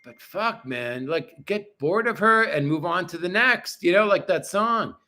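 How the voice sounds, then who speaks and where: This livestream host in his forties talks casually from his apartment as he replies to viewers' comments, crude and blunt with lots of swearing. He speaks a little slowly and expressively, in a slightly high, bright voice with a forceful edge.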